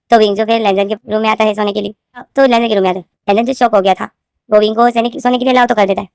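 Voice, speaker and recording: Speaking to her viewers as "guys," this fanfiction author rambles through a casual retelling of her own story despite a sore throat, repeating names and phrases as she goes. Her pitch sits fairly high with a darkish tone. It's a dry, clean studio recording.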